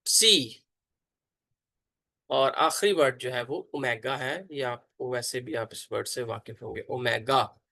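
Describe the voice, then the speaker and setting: A man, a pastor, teaching an online Bible class, slowly pronouncing and repeating letter names for his students. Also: mid-range voice, fairly bright tone, no echo.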